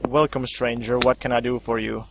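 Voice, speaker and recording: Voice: mid-range voice, little pitch movement, normal speed, background noise, lightly acted. A man doing a curt, irritated innkeeper. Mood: indignant. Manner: curt, indignant. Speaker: game master voicing innkeeper.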